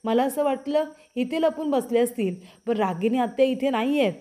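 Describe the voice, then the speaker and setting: A woman's voice: high-pitched, normal speed, dark tone, close to an everyday voice. A woman voicing a frightened young wife who hides a secret and pleads anxiously. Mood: insistent.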